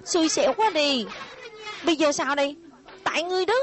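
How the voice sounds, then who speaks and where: A woman's voice: high-pitched, a little fast, lightly acted. A woman voicing cheeky cartoon schoolkids. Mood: excited. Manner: excited, cheeky chatter. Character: mischievous young schoolchildren, noisy and cheeky. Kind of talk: cartoon dub.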